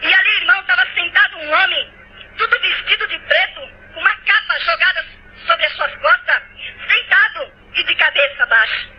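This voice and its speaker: Fervent high-voiced Brazilian woman testifying. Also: normal speed. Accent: Brazilian Portuguese. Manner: fervent, tearful at times, repeats phrases, often addresses "brothers". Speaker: church testimony speaker. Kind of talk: emotional testimony sermon. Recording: dull lo-fi recording.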